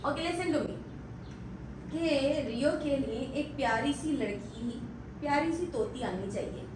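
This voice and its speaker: A woman speaks in slow, high, doting baby talk to her pet, coaxing and cooing. She sits away from the mic in a roomy, echoing space. Household noise is clearly audible behind her. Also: expressive, distant mic. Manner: coaxing and cooing, mixing in English phrases. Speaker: vlogger talking to her pet parrot. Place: home, indoors. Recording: echoey room, voice off-mic, clear background noise.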